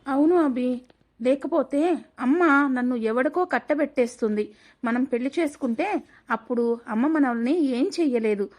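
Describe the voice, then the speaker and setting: A woman's voice: high voice, moderate pace, long pauses, warm tone. A woman voicing a headstrong young woman, the daughter of a wealthy family, talking earnestly and pleading in a storybook drama.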